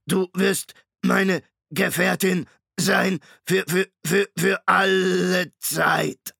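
A stuttering undead machine stalker. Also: male voice, high voice, steady tone, drawn-out words, sharp tone, no room sound, clean studio sound, pitched above the performer's own voice, heavily acted. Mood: menacing. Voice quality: stuttering, creaking like a damaged tape. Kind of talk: audiobook reading.

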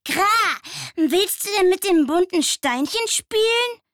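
A woman voicing a young raven with a high, squawking call. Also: expressive, slow pace, a bit bright, no echo, clean studio sound, heavily acted. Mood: curious.

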